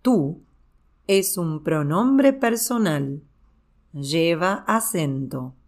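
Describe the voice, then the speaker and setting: Very slow, deliberate woman teaching grammar. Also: fairly low pitch, expressive, darkish tone. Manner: slow, deliberate, clearly enunciated teaching delivery. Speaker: Spanish teacher and podcast host. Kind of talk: slow scripted grammar lesson.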